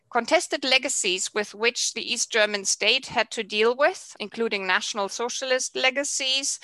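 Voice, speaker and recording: A woman introduces a guest lecturer with a bright, sharp voice that sits a little high. The sound is dry and close, and her delivery is warm and slightly halting. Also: clear, resonant tone, no echo. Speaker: seminar chair. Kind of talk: formal speaker introduction.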